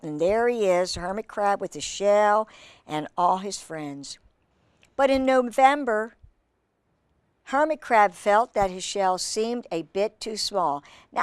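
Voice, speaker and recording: This woman has a mid-range voice, captured with no room sound at all. She reads a picture book to kids with plenty of expression, breaking off to quiz them and marvel at the pictures.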